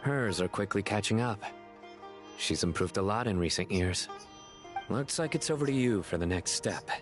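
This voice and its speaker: An actor playing a stern, composed law-enforcement commander in a video game, speaking in a clipped, authoritative way. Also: male voice, fairly low pitch, expressive, moderate pace, natural voice. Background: loud music.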